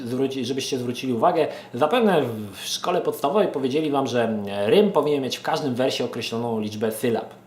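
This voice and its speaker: A man's voice: mid-range voice, a little mellow, a little hiss or hum. Hesitant young-sounding man in an echoey room. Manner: hesitant, many filler sounds and restarts, addresses viewers affectionately. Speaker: amateur rapper and vlogger running a verse contest. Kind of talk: casual advice monologue to viewers.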